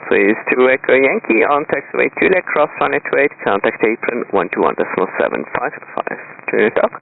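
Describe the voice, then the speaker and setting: A man's voice: medium pitch, sing-song, brisk, creaky. A man working as an air traffic controller over radio, giving clipped, courteous standard instructions. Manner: procedural, courteous, with short greetings. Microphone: radio transmission. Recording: tinny narrow-band aviation radio.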